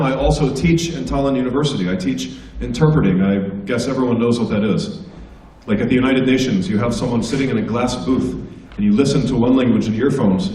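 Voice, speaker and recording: A middle-aged American stand-up comedian, appearing as a guest speaker at a school assembly, tells comic stories and teases the students. His voice is mid-range and darkish with a little hiss or hum, picked up from far off in an echoey hall.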